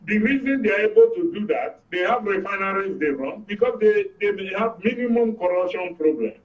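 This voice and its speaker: Here a high-pitched man with a Nigerian accent speaks fairly quickly and with lively intonation, sounding phone-quality. As a panel guest and expert commentator in a live explanatory discussion, he makes emphatic points in stages, tests understanding with questions, and leans on everyday analogies. The room sounds large, the mic distant, and noise and clicks come through clearly.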